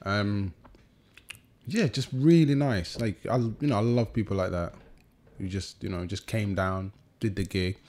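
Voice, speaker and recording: A man chatting casually as a comedian guest, animated and laughing, acting out little scenes. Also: on the low side, unhurried. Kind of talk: casual chat.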